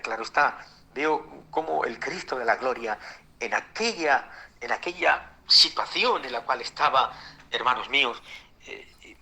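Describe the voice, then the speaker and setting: A man's voice: mid-range voice, bright, forceful tone, breathy edge. A man preaching a Bible-school sermon as pastor, fervent, with many fillers, repeated words and whispered asides, addressing his listeners as brothers.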